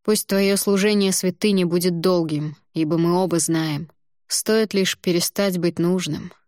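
A woman voicing a proud, bitter man whose letter reproaches an old mentor, in audiobook narration with cold, measured phrasing. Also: lowish voice, steady tone, darkish tone, no echo, studio quality, lightly acted. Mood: bitter, reproachful.

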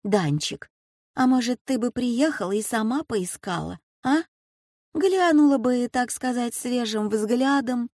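A woman voicing an elderly grandmother, slow-spoken and sighing, in a storybook reading. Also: fairly high pitch, expressive, a little mellow, no echo, studio quality, voice pushed up. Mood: fussing. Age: over 60. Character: grandmother, gentle old teacher, fussing.

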